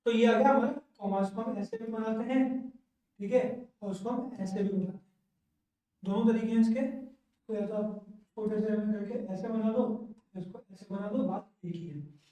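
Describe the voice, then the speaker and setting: A man's voice: high-pitched, moderate pace, dark tone. A male English teacher giving a classroom lecture at the board, who keeps asking the class questions and checking in with "okay". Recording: very echoey room, mic far off.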